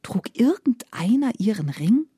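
A woman narrating a fairy tale, lively, acting out the characters' lines. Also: fairly high pitch, measured pace, slightly rough, no room sound, clean studio sound. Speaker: storyteller.

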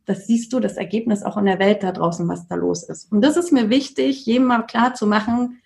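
A woman speaks at an ordinary middle pitch. She talks earnestly and reflectively as a guest in a casual interview, often pausing on hesitant fillers and circling back to rephrase her point. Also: gravelly, a little mellow. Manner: earnest and reflective, with frequent "ähm" fillers and repetitions. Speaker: yoga teacher, podcast guest.

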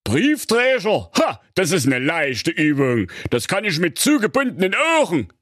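Brief: man voicing a braggart sorcerer, high sneering voice, comic fairy tale. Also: sing-song, unhurried, fairly bright tone, dry recording, clean studio sound, full character voice. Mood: boastful. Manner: boastful, scornful. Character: boastful male evil wizard.

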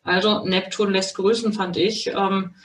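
A woman's voice: medium pitch, level tone, unhurried. A woman co-hosting a podcast in a casual, conversational style. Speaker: podcast co-host, astrologer. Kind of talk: casual chat. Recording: echoey, distant microphone.

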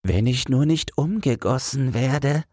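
A man's voice: mid-range voice, animated, a little slow, darkish tone, no room sound, studio quality, pitched above the performer's own voice. A man voicing a humble old street lantern in a fairy-tale audiobook, fretful and tender. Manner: worried, keeps repeating a single fear.

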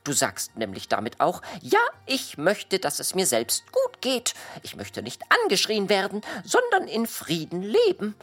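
A woman playing a lively, patient explainer. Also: mid-range voice, unhurried, hardly any pauses, breathy edge, heavily acted. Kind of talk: children's audio drama.

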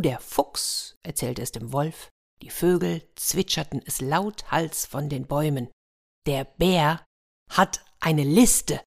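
A woman narrating a children's story with dramatic, expressive delivery. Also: low voice, gravelly. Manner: dramatic, sound-painting delivery.

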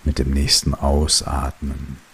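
Very deep, slow male sleep story narrator. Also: slightly rough. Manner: calm, soothing, long pauses between short phrases. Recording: steady rain noise behind the voice. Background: rain.

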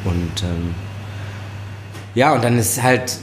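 On a casual podcast interview, this Ruhr-accented German chef and sommelier tells stories slowly in a low voice. He laughs a lot and fills pauses freely, with slight hiss or hum in the background.

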